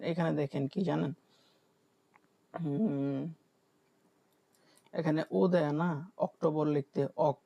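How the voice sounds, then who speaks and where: A man's voice: a little high, gravelly, mellow, rough recording. A Bangladeshi man teaching German vocabulary in an online class, explaining patiently and repeating each word. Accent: Bangladeshi Bengali. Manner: explains patiently, repeats words, asks "হ্যাঁ?". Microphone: video call.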